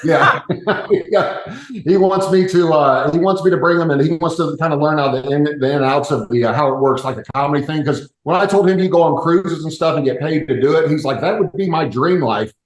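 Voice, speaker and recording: A man's voice: on the high side, fairly quick, echoey room, poor audio. A man in casual podcast chat, rambling with lots of fillers and restarts.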